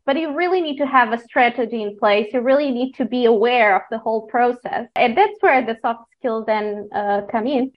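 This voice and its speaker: A woman's voice: a little high, moderate pace, few pauses, muffled recording. A woman from Portugal hosting a podcast conversation in an upbeat, motivational way. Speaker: host and life coach.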